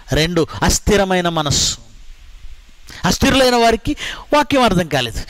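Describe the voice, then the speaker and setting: A man's voice: high voice, fairly bright tone, dry recording. A man from India with a Telugu accent preaching a sermon, repeating phrases for emphasis and asking rhetorical questions.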